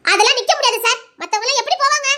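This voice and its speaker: A very high, bright voice snaps out quick retorts: a proud, combative young schoolteacher, as a woman acts her out. She scolds and fires back, indignant, in a homemade audio drama.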